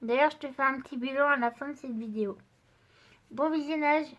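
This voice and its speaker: This art channel host talks a little fast in a high, fairly bright voice, and the recording has its highs cut off. Her cold leaves her sounding stuffy as she casually shows craft supplies and tests paper, chatting directly to viewers with frequent fillers.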